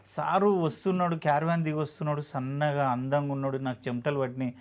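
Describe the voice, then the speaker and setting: Speaking fast with a flat delivery, this slightly high-voiced man, an actor with a Telangana Telugu accent, shares his story in an emotional interview, plainspoken, earnest, and heartfelt.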